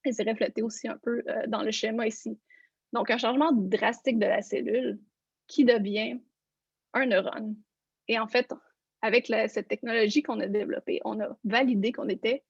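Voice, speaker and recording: A woman gives a lecture online, explaining her slides step by step. Her fairly high voice has a gravelly, breathy edge. The sound is dry and a bit dull, like lo-fi video-call audio. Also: no echo. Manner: explanatory, walks listeners through slides. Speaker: neuroscience researcher giving a lecture.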